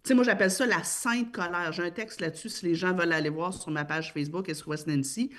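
Her voice is lowish, quick, and fairly bright as this Québécois-accented woman lays out her views on parenting in a casual discussion. She's emphatic, with many fillers and restarts.

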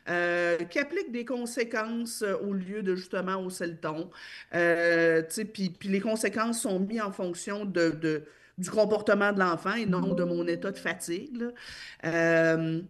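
Emphatic Québécois woman explaining. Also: mid-range voice. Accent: Québécois French. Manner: explanatory, emphatic, many fillers and repeats. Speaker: parenting speaker. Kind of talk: casual discussion.

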